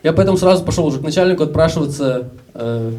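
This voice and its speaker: A man's voice: on the high side, fast, warm tone, far from the mic. A young Russian man in his twenties telling stories casually in a stand-up comedy set, acting out the voices of other people. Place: live comedy show with audience.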